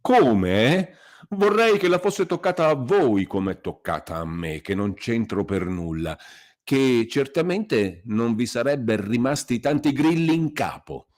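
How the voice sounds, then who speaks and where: A man's voice: medium pitch, sing-song, a little slow, a little mellow, voice pushed up. A man voicing a frightened elderly village priest who pleads in a quavering voice and then scolds peevishly. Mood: peevish scolding.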